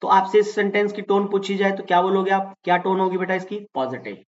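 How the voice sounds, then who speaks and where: Male exam-prep tutor, higher-pitched voice, patient explainer who switches into English examples, muffled lo-fi audio. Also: steady tone, fast. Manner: explains patiently, calls students "beta"; mixes Hindi with English example sentences. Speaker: English teacher.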